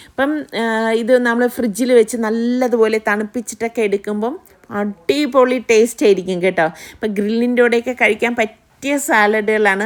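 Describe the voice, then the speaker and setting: Middle-aged woman chatting thru a recipe, step by step, easygoing cooking vlog. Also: fairly high pitch. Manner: chatty, explains step by step, keeps adding tag questions. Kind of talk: casual home cooking chat.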